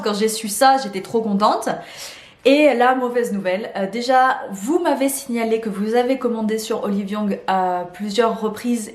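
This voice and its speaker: A woman's voice: a little high, a little mellow, roomy sound. A woman vlogging about beauty shopping in a chatty way, laughing often and repeating words as she explains. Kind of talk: casual explainer vlog.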